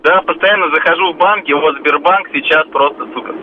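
A man's voice: a little high, fairly quick, slight background noise. A man speaking as a radio caller, casually sharing an opinion on a phone-in over a narrow phone line.

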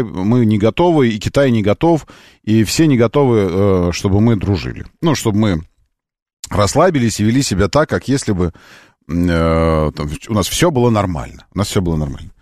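Male talk-radio host: argumentative, emphatic, repetitive phrasing, highly animated pitch, dry studio sound. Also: brisk, no room sound. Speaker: radio call-in show host. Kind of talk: live car talk radio, conversational monologue.

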